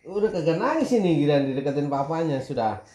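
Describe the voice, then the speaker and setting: A man's voice: a little high, lively intonation, quick pace, mellow. A teasing, playful father. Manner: teasing and playful, laughs often. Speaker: father filming his daughter. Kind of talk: casual family vlog chat.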